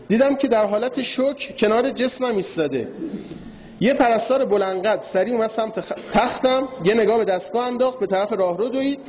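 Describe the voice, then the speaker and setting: Telling a story during a religious lecture, a man speaks straight to his listeners in a high voice with a darkish tone. The sound is dull and lo-fi, captured in an echoing hall.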